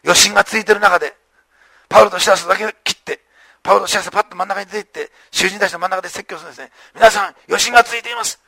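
A male pastor delivers a lively sermon at a rapid clip, his high voice bright and gravelly. He acts out the story's quotes as he goes. The sound is dry and close. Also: no echo. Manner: animated storytelling, acting out quotes.

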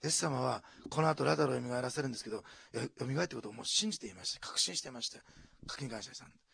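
A male pastor from preaching a sermon, dropping to hushed asides and then rising to loud, animated exclamations. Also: medium pitch, rapid-fire, gravelly, breathy edge, dry recording. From Japan, Osaka.

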